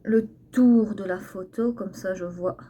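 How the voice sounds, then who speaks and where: A woman's voice: mid-range voice, steady tone, measured pace, mellow, slightly rough. A woman with a lisp that makes her s slushy, chatting hesitantly as she thinks aloud through a craft tutorial, recorded on a phone. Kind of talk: casual unscripted tutorial chat. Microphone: phone used for filming. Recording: phone recording with faint background noise.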